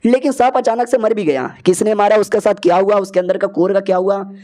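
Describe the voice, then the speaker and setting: A man's voice: sits high, fairly quick, mellow. A man narrating a story recap in a chatty, slangy way.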